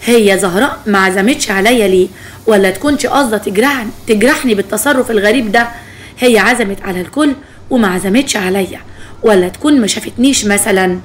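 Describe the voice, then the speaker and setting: Woman voicing a gentle young Egyptian bride. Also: medium pitch, fast talker, natural voice. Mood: hurt. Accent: Egyptian Arabic. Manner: complaining, earnest.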